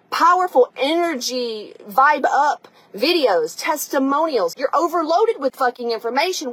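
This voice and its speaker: A woman with a high, slightly bright and somewhat rough voice talks straight to the listener as a podcast host and coach. Her tough-love motivational talk is blunt, emphatic and profane, yet conversational. There's no room sound.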